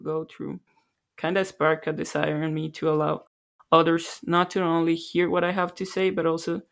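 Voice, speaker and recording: A woman from Colombia co-hosting a podcast, speaking softly in a reflective, self-deprecating way. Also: fairly low pitch, creaky. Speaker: podcast co-host. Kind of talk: casual podcast chat.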